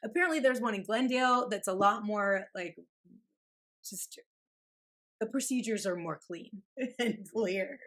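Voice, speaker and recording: A woman in her thirties, co-hosting a podcast, telling stories in a lively casual way with swearing and laughs. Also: medium pitch, measured pace, long pauses. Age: 30s. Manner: animated storytelling, swearing and laughing. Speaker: podcast co-host. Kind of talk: casual chat.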